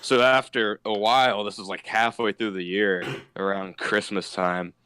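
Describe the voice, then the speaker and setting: A young man casually telling school stories on a podcast, animated and laughing at his own tales. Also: lowish voice, normal speed, clear, resonant tone. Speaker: podcast host. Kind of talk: casual storytelling.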